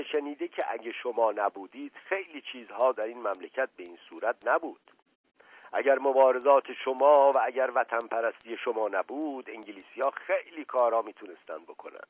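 A man voicing a middle-aged father, speaking with excited, earnest emotion, heard over a narrow-band radio broadcast. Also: medium pitch, breathy edge, no echo, voice pushed up.

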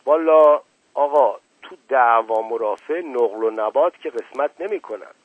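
A rambling, evasive old servant with a husky, raised voice, as a male narrator puts him on, stammering "ah, ah" as he dodges questions. He comes over a tinny, dry, phone-like radio recording. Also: mid-range voice, dry recording, pitched above the performer's own voice, close to an everyday voice. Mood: folksy, evasive. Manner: repeats stammering catchphrase, hesitant "ah, ah". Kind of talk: audiobook reading.

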